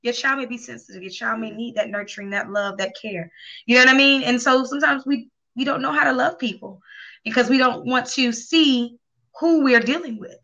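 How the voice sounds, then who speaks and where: A woman's voice: fairly high pitch, fairly quick, bright, forceful tone. A woman co-hosting a talk show, rambling earnestly with lots of filler phrases and close to tears. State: near tears. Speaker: co-host and sex coach. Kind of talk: casual talk show chat. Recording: dull lo-fi sound.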